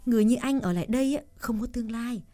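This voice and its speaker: A woman voicing a shy young village woman in love, speaking softly and hesitantly with stammers in an audiobook drama reading. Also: on the high side, fast, close to an everyday voice. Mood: tender.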